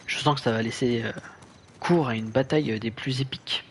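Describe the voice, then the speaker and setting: A man's voice: mid-range voice, a little fast, background noise. A man giving casual, playful, exclamatory commentary as he plays a video game. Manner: exclamatory, playful, self-deprecating. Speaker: gamer, let's play host. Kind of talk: casual excitable gameplay commentary.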